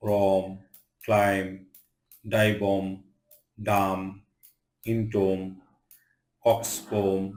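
A man teaching English pronunciation, reading word lists slowly, one word at a time, with short rule explanations. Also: fairly low pitch, darkish tone. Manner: slow, deliberate word-by-word drilling. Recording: echoey room.

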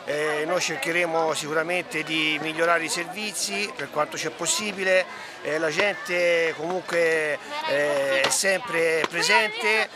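A man's voice: a little high, fairly even intonation, slow. A middle-aged man giving a hesitant interview outdoors on a busy ski slope. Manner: hesitant, with many fillers. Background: crowd.

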